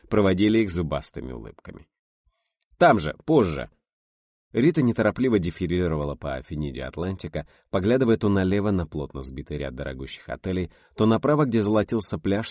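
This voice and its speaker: Deep-voiced male audiobook narrator. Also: quick pace, few pauses, no room sound, studio quality. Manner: expressive reading, voices for characters.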